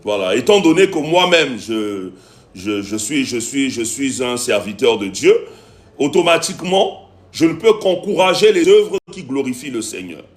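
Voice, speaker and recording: A man's voice: mid-range voice, big pitch swings, normal speed. A man hosting a casual live stream on his phone, repeating himself and pleading with his viewers for support. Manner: repetitive, pleading with viewers, many fillers. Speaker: live-stream host and music producer.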